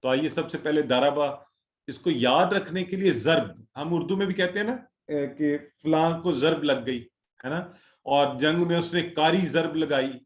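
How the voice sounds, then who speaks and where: A man's voice: a little high, a little slow, reverberant. A male teacher leading an online class, patiently drilling word forms and calling on students one by one. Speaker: Quran Arabic teacher.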